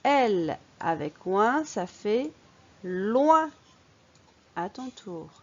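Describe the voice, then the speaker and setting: A woman teacher giving an early-reading phonics lesson, speaking slowly and clearly in a sing-song way and stressing the key words. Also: mid-range voice, animated, a little mellow, lo-fi sound.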